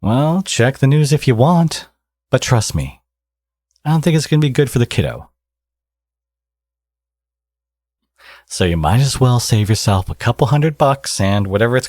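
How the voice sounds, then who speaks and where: In an intimate ASMR audio roleplay, a man plays a smug, teasing supervillain who is also a doting father, delivering sardonic, drawling threats with taunting menace. His husky voice sits on the low side and is a little mellow, with no echo.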